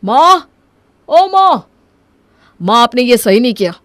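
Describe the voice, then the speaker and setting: A woman voicing a hot-tempered young man who demands his share and bosses his family around, in an animated story. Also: a little high, normal speed, no room sound, clean studio sound, natural voice. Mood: demanding. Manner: bossy, domineering.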